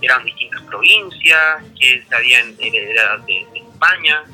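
A man's voice: mid-range voice, expressive, moderate pace, bright, forceful tone, faint music behind, poor audio. A man with a Chilean accent casually discussing history, rambling with many restarts and fillers. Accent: Chilean Spanish.

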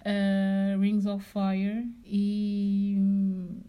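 A young woman with a European Portuguese accent, giving measured explanations in casual podcast chat. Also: mid-range voice, monotone, mellow.

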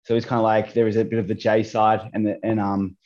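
A man's voice: lowish voice, flat delivery, fast talker, darkish tone, dull audio. An Australian man in his thirties, a podcast guest chatting casually over a call, full of ums and restarts. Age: 30s. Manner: hesitant, many fillers and restarts. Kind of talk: casual chat.

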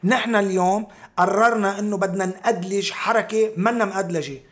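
In an informal political discussion, a high-pitched Lebanese man with a somewhat bright voice talks fast and emphatically. He uses blunt, coarse language, repeats phrases, and fires off rhetorical questions.

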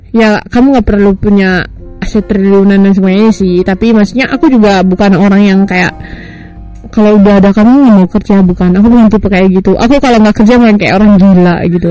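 A woman's voice: medium pitch, mellow, poor audio. A young woman hosting a podcast, chatting casually and laughing often. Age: young adult. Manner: giggly, chatty, frequent laughter. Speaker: podcast host. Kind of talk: casual chat.

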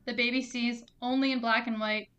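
A woman's voice: fairly high pitch, flat delivery, brisk, a bit bright, a little hiss or hum. A woman co-hosting a casual chat show, reading out facts with playful, giggly asides. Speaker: podcast co-host.

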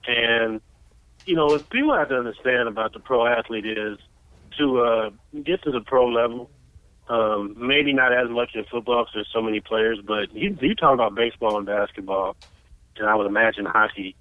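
A man calling in by phone to a sports talk show, speaking in a measured way with many "you know" fillers. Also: mid-range voice, no echo. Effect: heard over the phone. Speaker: sports talk call-in guest. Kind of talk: casual sports chat. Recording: tinny dry phone line.

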